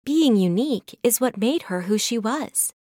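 A woman reading her own children's storybook aloud with gentle, measured storytelling. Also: a little high, animated, no echo, studio quality. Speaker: author narrating her own book. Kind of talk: children's audiobook narration.

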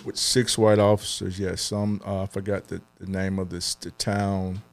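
A man's voice: deep voice, little pitch movement, normal speed. A young adult man co-hosting a podcast, talking earnestly in casual chat, with many fillers and restarts. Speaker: podcast co-host.

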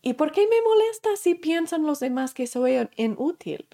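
A woman's voice: high-pitched, sing-song, normal speed, dark tone. A woman teaching a class, explaining by asking herself questions and acting out everyday examples, speaking conversationally with fillers and self-corrections. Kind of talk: spoken lesson to a class.

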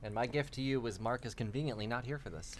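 Man running a tabletop game, laid-back, slow narration, mid pitch. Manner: relaxed, laughing, slow deliberate narration. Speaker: game master.

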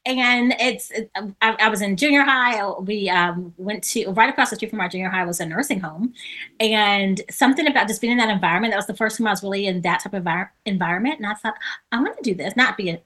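A middle-aged woman guest on a podcast, effusive and quick to laugh, telling stories in a loose, rambling way. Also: mid-range voice, sharp tone. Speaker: guest, former nurse turned coach. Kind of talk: casual podcast interview.

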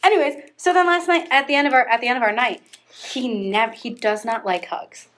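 Young woman, podcast co-host, loose chatty delivery, many fillers, quick to laugh. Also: fairly high pitch, fairly bright tone. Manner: rambling, filler-heavy, laughs often. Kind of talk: casual chat.

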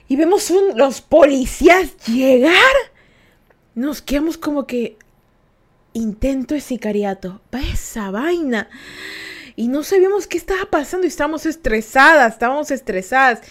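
A young woman from Ecuador, hosting a podcast and telling a story to listeners in a casual, animated way. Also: high voice, normal speed. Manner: animated, acts out voices and laughs while telling. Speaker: podcast host.

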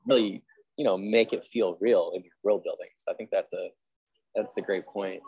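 The interviewer, a history teacher hosting a casual chat about genre fiction, has a low, husky voice with a steady tone and moderate pace. His talk rambles, full of "like" and "you know," on a dry, dull-sounding recording.

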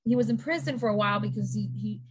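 A middle-aged woman talking as a guest in a casual conversation, telling lively stories and acting out quotes. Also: medium pitch, quick pace, slightly rough. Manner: lively storyteller, acts out quotes.

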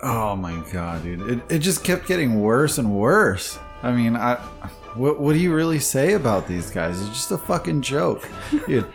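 A man's voice: mid-range voice, very animated, moderate pace, creaky, soft background music. Exasperated, cursing man on a podcast. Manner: exasperated, swears often. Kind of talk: casual movie-review chat.

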